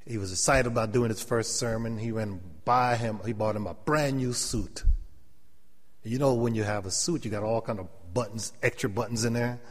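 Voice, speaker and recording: A middle-aged church elder and preacher from South Carolina, United States, speaks with a Gullah Geechee accent in a lowish, steady voice at normal speed. His sermon to the congregation is humorous and anecdotal, with repeated phrases and calls for amens. He's addressing an audience in a large indoor hall with long, echoing reverb.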